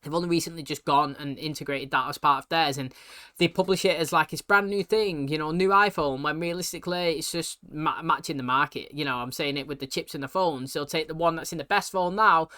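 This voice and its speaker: A man's voice: a little high, fairly quick, sharp tone. Rambling man reacting to a show. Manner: rambling, full of "you know" and "like". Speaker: reaction video host. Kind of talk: casual reaction commentary.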